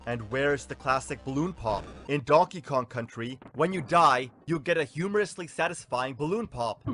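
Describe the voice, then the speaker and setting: A man's voice: mid-range voice, normal speed, a bit bright. A man narrating a scripted comedic video game review in a blunt, sarcastic, exasperated way. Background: music.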